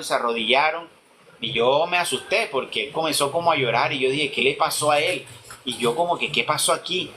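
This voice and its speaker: A man's voice: mid-range voice, sharp tone, slight background noise, poor audio. A man telling his conversion testimony, acting out the dialogue he quotes. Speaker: testimony speaker.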